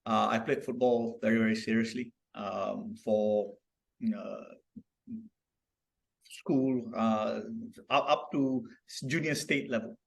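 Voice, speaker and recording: A man's voice: on the low side, steady tone, slow, gravelly. A man from Malaysia, a founder guest on a podcast, telling stories reflectively, with many restarts and tag questions. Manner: reflective, storytelling, frequent restarts and "right?" tags. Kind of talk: casual podcast conversation.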